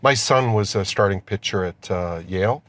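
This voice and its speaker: Being driven in a car, a man in his middle years, an executive who was born in Austria and emigrated to Canada, chats casually while answering interview questions. He has a somewhat low, slightly bright voice at normal speed, with noise from the moving vehicle around him.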